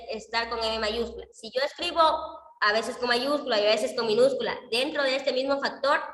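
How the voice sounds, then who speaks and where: A woman's voice: a little high, fairly bright tone. A woman, patiently explaining coding in an online class and often checking whether students follow. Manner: patient, checks understanding with frequent "¿ya?". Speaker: economics instructor teaching R. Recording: echoey room with long reverb.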